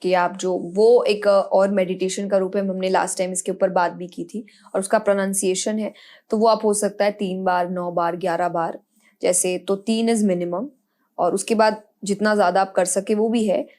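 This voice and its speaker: Earnest woman guest explaining calmly. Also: mid-range voice, normal speed. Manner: calm, earnest explaining with frequent restarts. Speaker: spiritual speaker, guest. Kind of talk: podcast interview answers.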